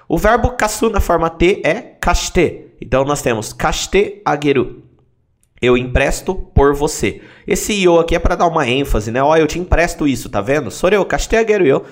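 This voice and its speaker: A man leads a language lesson at a middle pitch. He works through each phrase step by step, splitting words into their parts and saying them again slowly. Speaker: language teacher. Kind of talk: explaining phrases in a lesson series.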